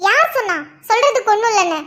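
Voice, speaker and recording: A woman's voice: extremely high pitch, animated, quick pace, pushed and bright, heavily acted. A woman voicing a furious young wife in a cartoon drama, accusing and scornful. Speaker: cartoon character voice.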